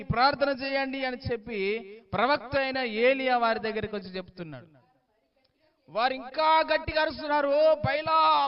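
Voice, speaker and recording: Male pastor, theatrical storytelling sermon, high and smooth voice, muffled lo-fi audio.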